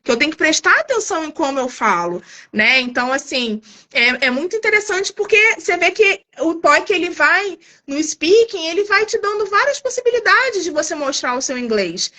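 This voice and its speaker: High, bright-voiced woman explaining. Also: lively intonation, brisk. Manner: chatty, explanatory, many tag questions. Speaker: guest, TOEIC course creator. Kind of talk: casual live-stream explanation.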